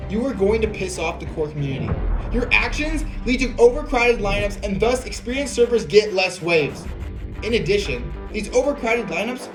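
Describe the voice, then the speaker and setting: High-pitched man, sarcastic comment reading. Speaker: vlogger. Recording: background music.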